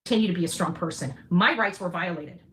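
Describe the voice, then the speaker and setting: Her voice is on the low side and a bit bright, and she talks quickly. In noisy replayed livestream audio, this woman delivers an emphatic, declarative monologue, repeating phrases to give them weight.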